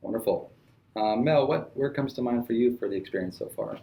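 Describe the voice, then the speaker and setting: Speaking a little fast in a warm, creaky, mid-range voice, a young man runs a laid-back podcast. He brings on guests and poses questions, often restarting and filling gaps.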